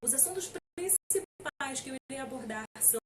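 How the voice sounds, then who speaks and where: A woman's voice: high-pitched, lively intonation, moderate pace, distant mic, music in the background. A middle-aged Brazilian woman lawyer giving an informal talk, hesitant with many fillers and emphatic on key points. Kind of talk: informal lecture.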